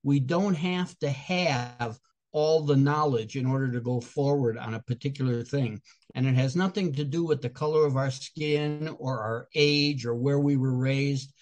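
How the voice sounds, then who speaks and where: A Chicago-born older comedian and guest speaker, speaking with his hometown accent, answers interview questions in an earnest, explaining manner, now and then restarting a phrase. He speaks unhurriedly in a medium-pitched, darkish voice.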